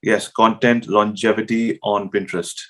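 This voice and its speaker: A man's voice: fairly low pitch, flat delivery, normal speed, fairly bright tone. A man hosting a video call interview, upbeat and encouraging toward his guest. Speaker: host.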